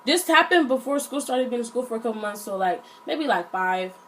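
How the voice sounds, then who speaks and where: A young woman tells a casual storytime. She is slangy and animated, and she acts out the quotes. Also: on the high side, a little fast, a little hiss or hum, low-quality recording. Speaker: vlogger.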